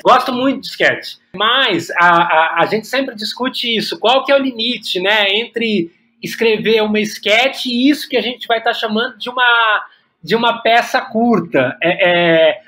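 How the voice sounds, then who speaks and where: A guest playwright with a Brazilian accent speaks reflectively in an interview, repeating words as he thinks aloud. His voice is high with a sharp tone.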